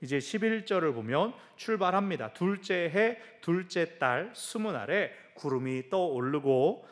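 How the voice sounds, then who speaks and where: A middle-aged male pastor delivers a sermon in church, his voice sitting a little high and swinging widely in pitch. He tells stories animatedly, even imitating sounds with his mouth, in an expressive preaching style. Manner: animated storytelling with sound effects.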